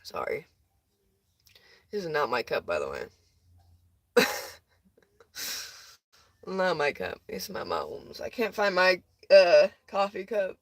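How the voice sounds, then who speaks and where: A woman's voice: fairly low pitch, huge pitch swings, slow pace, pauses often, no echo. A young woman chatting casually with viewers on a livestream, tired and rambling, with a close phone mic.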